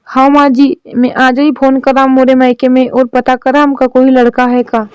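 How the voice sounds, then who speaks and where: A woman voicing a high, preachy young daughter-in-law. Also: level tone, moderate pace, smooth, no room sound, natural voice, poor audio. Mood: eager. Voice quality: lecturing, persuasive. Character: sensible young daughter-in-law, elder sister-in-law. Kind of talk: cartoon drama dialogue.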